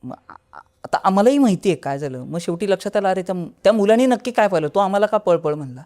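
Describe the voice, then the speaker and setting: A man with a Marathi accent recounts a real haunted experience as a podcast guest. His voice sits fairly high, and he drops it low and quiet when he acts out what people said. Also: lively intonation, quick pace. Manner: storytelling, acting out dialogue in a lowered voice. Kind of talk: telling a horror experience.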